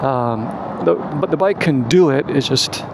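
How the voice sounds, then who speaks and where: A man's voice: a little high, measured pace, creaky. A man chatting casually and thinking aloud as he rides a scooter outdoors, with wind and road noise on the mic. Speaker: motorcycle vlogger riding a scooter. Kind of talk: casual vlog chat while riding. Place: outdoors on a moving scooter, in traffic. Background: wind, engine and traffic noise.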